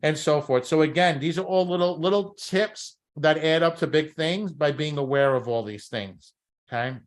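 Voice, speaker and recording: A man's voice: on the high side, moderate pace. A man with a Brooklyn accent giving an instructional talk as a talent coach, emphatic and often checking in with short tag questions. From Brooklyn, New York. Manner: emphatic, often tagging phrases with "okay?" and "right?". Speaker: talent scouting coach and presenter. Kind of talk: instructional presentation.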